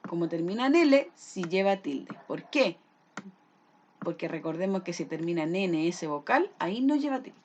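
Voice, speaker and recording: A woman's voice: fairly low pitch, expressive, normal speed, darkish tone, muffled recording, slight background noise. A woman teacher explaining a lesson patiently, often checking that her pupils follow. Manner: patient, checks understanding with frequent "¿ya?".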